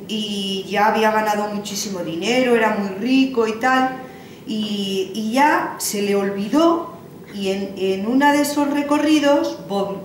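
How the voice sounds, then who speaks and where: A woman's voice: medium pitch, a little hiss or hum. A woman from Spain telling a traditional folktale in a homely way, with fillers and restarts. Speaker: storyteller. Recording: roomy, from a distance, faint ambience.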